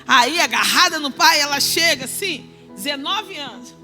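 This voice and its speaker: A woman in her forties delivers an emphatic church sermon in a very high, bright, forceful voice. She drops into soft asides and then rises to shouted declarations. Faint music plays behind her. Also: lively intonation, normal speed. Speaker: preacher.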